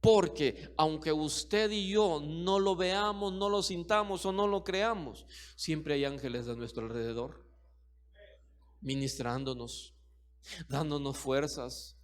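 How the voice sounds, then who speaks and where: A man's voice: fairly high pitch, slow pace. A middle-aged man preaching a sermon as pastor, emphatic and repetitive, full of rhetorical questions.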